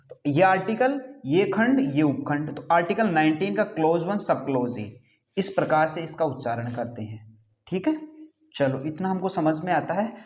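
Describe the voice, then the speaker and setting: A man teaching an exam-prep class, who asks rhetorical questions, answers them himself and repeats key terms. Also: high voice. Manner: repeats key terms, says "ठीक है" often.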